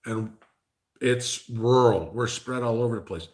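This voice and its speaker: A man hosts a casual live stream, reading viewer comments and responding in a rambling, conversational style packed with fillers. His mid-range voice is unhurried and a little mellow.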